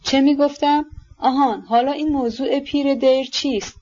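A woman voicing a haughty, irritable older noblewoman who fires sharp, impatient questions, on a dull lo-fi recording. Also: medium pitch, lively intonation, close to an everyday voice. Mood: imperious.

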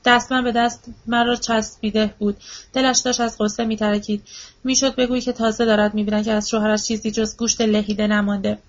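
A woman narrating a novel in a steady, even audiobook reading. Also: a little high. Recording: dull lo-fi audiobook recording.

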